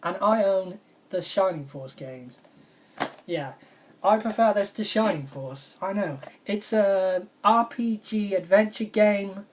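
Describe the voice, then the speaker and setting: A woman's voice: fairly low pitch, a little mellow, slight background noise. A woman, casually reviewing her favourite retro video games in an enthusiastic, rambling way and repeating her praise. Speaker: video game vlogger.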